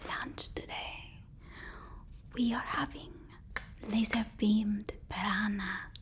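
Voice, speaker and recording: In an ASMR roleplay, a woman plays the devoted, anxious assistant to a supervillain. She whispers haltingly, soothing and deferential, in a natural, medium-pitched voice.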